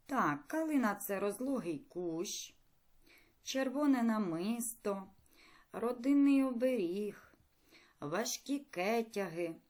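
A woman teaching a primary school lesson in a recorded video, speaking clearly, patiently and encouragingly. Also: medium pitch.

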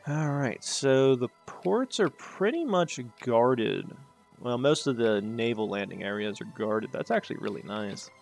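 With soft music in the background, a man speaks unhurriedly in a gravelly, medium-pitched voice full of lively intonation. He hosts his own gaming channel and gives casual strategy-game commentary, thinking out loud, rambling and tossing sarcastic asides to himself. English is his first language.

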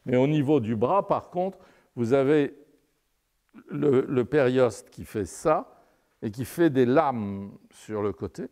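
A man's voice: mid-range voice, lively intonation, takes it slowly, a little mellow. An older man giving a live anatomy lecture while drawing at a chalkboard, digressive and wry, often checking in with his audience. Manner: digressive and wry, peppered with "n'est-ce pas".

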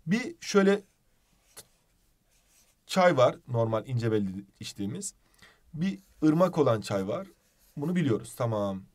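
A man teaching a video lesson, playful and animated, asking questions as he explains. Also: medium pitch, measured pace, pauses often.

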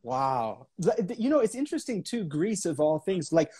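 A man in his thirties, a composer, interviewing a guest over a video call from home, joking and quick to laugh. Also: a little high, sing-song, husky. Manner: jokey, quick to laugh, asks warm questions. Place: home room. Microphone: laptop webcam on video call.

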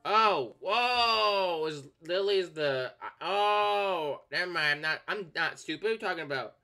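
A man giving joking, casual commentary as he plays a video game, now and then breaking into excited shouts. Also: high voice, a little slow, faint music behind. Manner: joking, bursts into shouts while playing. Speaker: gaming YouTuber.

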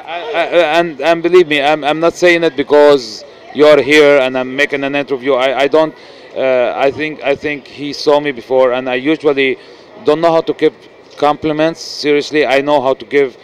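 A man with a slightly high voice and a steady tone talks at a moderate pace. He's a middle-aged actor with a Lebanese accent giving an earnest, casual interview on a handheld mic amid the noise of an indoor event venue, with frequent restarts and fillers.

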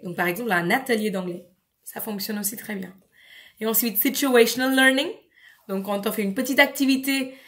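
A woman with a French accent explaining to parents, in a clear and patient way, how to teach English at home, with simple word examples. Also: mid-range voice.

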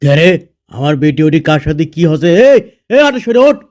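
Comedy dub: male actor as scolding officer dad, high voice, rapid delivery, Bogura accent. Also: sing-song, darkish tone. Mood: angry scolding. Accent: Bogura, northern Bangladesh. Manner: scolding, sarcastic. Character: bossy, scolding male army officer, a father. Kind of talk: comedy dubbing in dialect.

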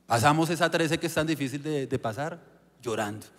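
A young man telling his conversion testimony on a church panel, earnest and halting, often restarting his words. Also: on the high side. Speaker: panel guest giving testimony. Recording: echoey church hall.

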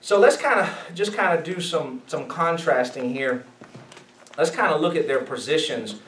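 A man preaching as a pastor, emphatic and animated, asking his listeners questions as he teaches. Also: fairly high pitch, moderate pace. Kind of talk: sermon, Bible study teaching. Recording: echoey room, mic at a distance.

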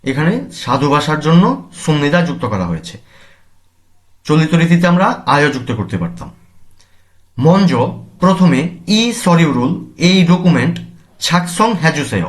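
A man's voice: on the high side, big pitch swings, measured pace. A man teaching a language lesson, reading each word aloud and then explaining its meaning and use. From Bangladesh.

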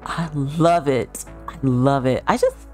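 A woman vlogger giving a chatty home tour. She gushes with excitement, repeats herself for emphasis and tosses slangy asides to her viewers. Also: a bass voice, slow pace, soft background music. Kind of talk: casual chatty tour narration.

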